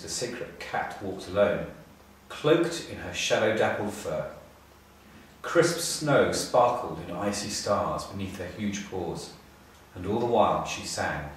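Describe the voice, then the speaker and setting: Recorded from a distance in a highly reverberant room with slight background noise, a middle-aged school staff member reads aloud from a storybook. He speaks in a slightly low voice, giving the scripted text expressive phrasing and measured pauses.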